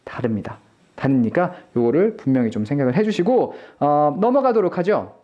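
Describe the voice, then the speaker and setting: Online lecture teacher; polite and encouraging, animated intonation, repeats words slowly for viewers. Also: medium pitch, dull audio. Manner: patient, demonstrates example words slowly and repeats them. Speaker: English pronunciation teacher.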